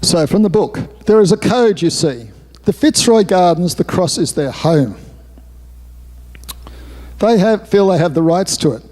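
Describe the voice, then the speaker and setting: Man, fairly high, warm tone, rambling storyteller, hall echo. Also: animated, measured pace, pauses often. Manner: rambling, candid, with asides and swearing. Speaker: author giving a talk. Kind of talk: storytelling talk with slides. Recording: roomy hall reverb.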